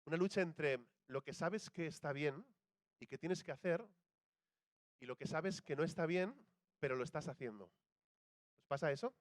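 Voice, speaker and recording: A man's voice: fairly high pitch, moderate pace, pauses often, no echo. Conversational Spanish-accented male preacher. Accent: Spain Spanish. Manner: conversational, asks the audience questions, acts out quoted voices. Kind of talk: sermon to a live congregation.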